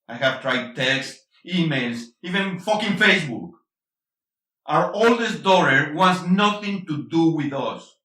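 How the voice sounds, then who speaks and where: A man with a slightly high voice acts an angry husband in an intense stage-play reading, forceful, confrontational and emphatic, swearing and switching between English and Spanish. The sound is echoey, picked up by a distant mic in an echoey room.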